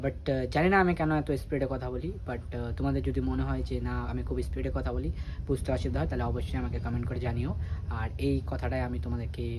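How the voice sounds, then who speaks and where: A young man chatting casually to his viewers in a daily vlog, talking quickly and calling them guys. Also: medium pitch, flat delivery, noisy background. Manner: rapid chatty talk, addresses viewers as guys. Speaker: daily vlogger.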